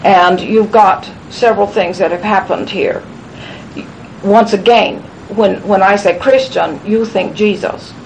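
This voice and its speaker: A woman with vocal fry, a steady tone and a measured pace answers questions at a gathering in a rambling, emphatic, conspiratorial way, often repeating phrases and restarting sentences. The audio is poor, with low rumbling noise in the background.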